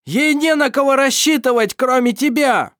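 A man voicing a frantic, desperate man who shouts and cries out. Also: extremely high pitch, moderate pace, dry recording, clean studio sound, pitched above the performer's own voice. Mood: furious. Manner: loud, desperate crying out.

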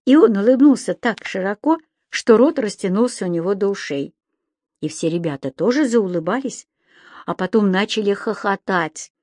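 A woman narrating a children's storybook in an even, clear storytelling manner. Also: mid-range voice, normal speed, dry recording, clean studio sound. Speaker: audiobook reader.

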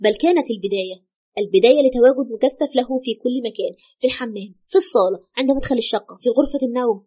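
A woman's voice: fairly high pitch, racing, mellow, breathy edge, highs cut off. A woman playing a terrified haunted widow. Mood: tense. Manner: fearful, urgent, breathless retelling. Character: frightened widow haunted by her husband's ghost. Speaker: storyteller consulting a doctor. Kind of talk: audio horror drama.

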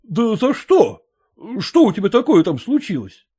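A man voicing an educated gentleman who firmly and wearily refuses a request. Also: high voice, wildly swooping pitch, measured pace, slightly rough, pitched above the performer's own voice, exaggerated voice. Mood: puzzled. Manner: refusing, exasperated. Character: educated gentleman, reluctant and firm.

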